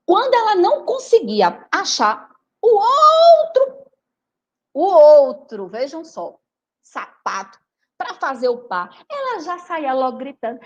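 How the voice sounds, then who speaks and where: A teacher from Recife gives a storytelling talk and speaks straight to her audience. Her voice sits high and swings widely in pitch. She sounds chatty and expressive throughout. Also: slow pace, muffled recording. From Recife, Brazil. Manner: animated, chatty, addresses audience directly. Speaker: teacher and writer giving a talk. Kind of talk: lively storytelling lecture.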